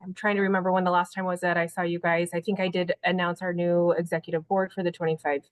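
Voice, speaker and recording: A woman's voice: fairly low pitch, little pitch movement, quick pace, dry recording. A woman giving an informal spoken report as a union representative.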